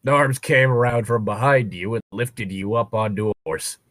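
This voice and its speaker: Reading a story aloud as a co-host, a man slips into casual, sarcastic, mock-exasperated joking asides. His voice is on the low side and a bit bright, at a moderate pace, with no room sound.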